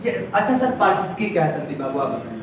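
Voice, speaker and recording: A man's voice: fairly high pitch, big pitch swings, racing, noisy background. A man from Uttar Pradesh teaching a classroom lesson, quizzing his students and repeating each word for the class. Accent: Uttar Pradesh Hindi. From Uttar Pradesh, India. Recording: echoey classroom from far off.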